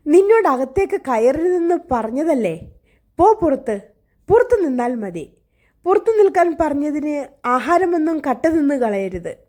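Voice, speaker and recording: A hot-tempered young master of the house , as a woman reader puts him on, snaps harsh commands with a raised, forceful edge. The voice comes out mellow and warm, pitched fairly high. It is an angry storybook figure who sends people away. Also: sing-song, a little slow. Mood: furious. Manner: harsh, commanding, barking orders.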